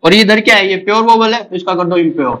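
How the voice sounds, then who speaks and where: Indian male teacher, high voice, drilling exam questions. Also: rapid-fire, a bit bright, poor audio. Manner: drills with repeated questions and answers. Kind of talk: exam-prep lecture.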